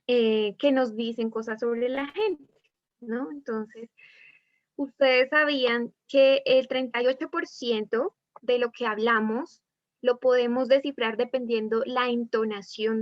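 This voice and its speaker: A woman's voice: high voice, no echo. A woman teacher with a Colombian accent giving an online class over a video call, asking her students many questions and acting out different tones of voice. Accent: Colombian Spanish. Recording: dull lo-fi video call audio.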